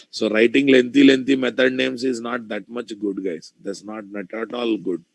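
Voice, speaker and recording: A man with a Telugu Indian accent teaches programming in a close, dry sound. His voice is creaky and unhurried, and he thinks aloud, repeating phrases and quizzing students as he goes. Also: mid-range voice, no echo, rough recording. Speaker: programming instructor. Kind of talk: informal live coding lecture.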